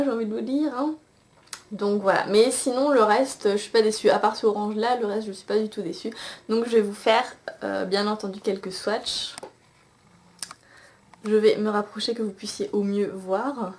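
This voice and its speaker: Chatty young woman reviewing eyeshadows. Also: on the high side. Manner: chatty, many fillers and restarts. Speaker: beauty vlogger. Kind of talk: casual makeup review with swatches. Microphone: camcorder mic.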